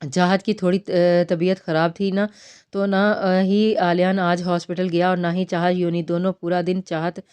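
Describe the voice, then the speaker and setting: Woman reading a romance novel in a smooth voice. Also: on the low side, level tone, normal speed, a little mellow. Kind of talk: novel read aloud.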